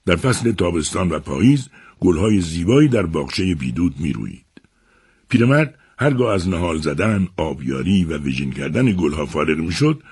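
A man narrating a serialized novel adaptation on a radio book program, with measured, expressive storytelling. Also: low-pitched, husky.

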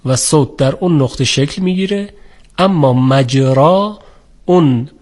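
A man teaching a formal, measured lecture on the articulation of letters for Quran recitation. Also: fairly high pitch, darkish tone. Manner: measured, formal, with polite set phrases. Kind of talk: explanatory lecture on pronunciation.

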